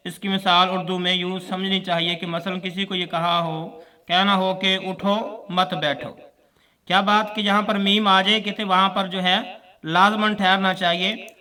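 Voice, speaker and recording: High, bright-voiced man teaching from afar. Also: flat delivery, moderate pace, recorded from a distance. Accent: Pakistani Urdu. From Pakistan. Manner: repeats points and quizzes listeners. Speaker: Quran teacher. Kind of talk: religious classroom lesson.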